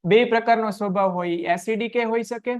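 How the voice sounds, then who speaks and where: High-voiced man drilling a science class. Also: brisk. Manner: question-and-answer drilling, answers own questions. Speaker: science teacher. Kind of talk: online class lecture.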